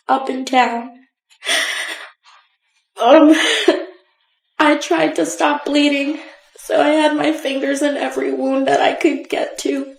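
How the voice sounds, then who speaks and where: A shaky, nervous woman giving halting, emotional courtroom testimony as a witness, close to tears. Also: sits high, vocal fry. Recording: echoey courtroom sound.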